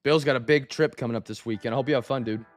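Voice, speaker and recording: A man hosting a live trading card break, rattling off player names with excited bursts. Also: medium pitch, rapid-fire, faint music behind.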